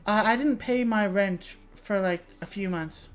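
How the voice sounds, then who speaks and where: A woman's voice: mid-range voice, unhurried. Chatty young woman streamer. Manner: chatty, swearing, reading chat aloud. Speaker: VTuber streamer. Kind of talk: casual livestream chat.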